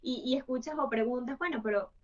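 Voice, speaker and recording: A woman's voice: sits high, fairly quick. A woman hosting an interview, thinking aloud reflectively and often adding tag questions. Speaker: host. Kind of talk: interview conversation. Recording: distant, dull lo-fi sound.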